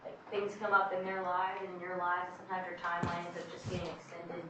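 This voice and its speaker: A woman's voice: lowish voice, level tone, fast. A woman taking part in a seminar, speaking in a thoughtful, reflective way. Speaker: seminar participant. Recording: distant, very echoey, noisy room audio.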